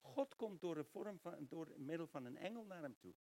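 A man's voice: on the high side, lively intonation, moderate pace, mellow, rough recording. A man preaching a sermon, reading verses aloud and explaining them in a conversational way, often searching for words and restarting.

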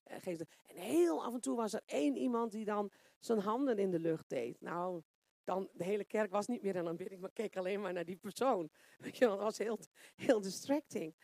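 A woman's voice: medium pitch, normal speed, creaky, dark tone, dry recording, studio quality. A woman preaching an informal sermon, asking the room rhetorical questions and searching for words with frequent fillers.

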